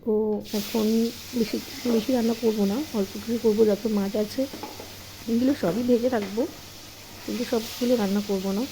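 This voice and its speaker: Hoarse young woman vlogging at home. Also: fairly high pitch, steady tone, a little fast, background noise. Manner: soft, talks to her baby in a sing-song voice. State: hoarse from a cold. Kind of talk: casual home vlog.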